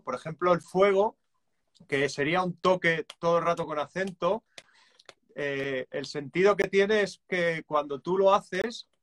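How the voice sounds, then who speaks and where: Guy calmly explaining drum beats on a video call, slightly high voice, counts them out loud. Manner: calm and reflective, hesitant restarts, counts beats aloud. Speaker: guest musician and drummer.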